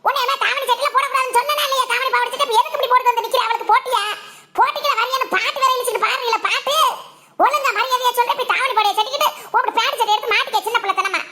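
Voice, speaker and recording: A woman's voice: a little hiss or hum, exaggerated voice. A woman voicing a bossy, scolding village mother in a cartoon, with a Tirunelveli Tamil accent. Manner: scolding, nagging, high and bright.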